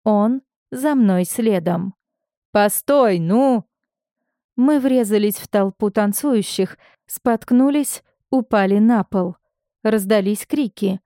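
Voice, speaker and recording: A woman reading a first-person audiobook, expressive and acting out the dialogue. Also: mid-range voice, slow pace, no echo, clean studio sound. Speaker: audiobook narrator.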